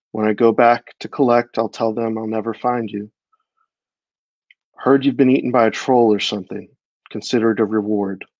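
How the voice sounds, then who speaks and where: A man's voice: on the low side, creaky, darkish tone, husky, no room sound. A man reading aloud, voicing a weary, grumbling man in a tavern in his own voice, recorded on a dull, dry mic.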